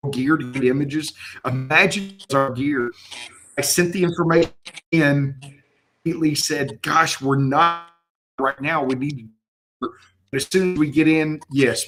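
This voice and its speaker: A man hosts a casual livestream in a West Texas twang. His speech is a little slurred and his pitch sits in the middle. He talks emphatically and effusively. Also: poor audio. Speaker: livestream host and photographer.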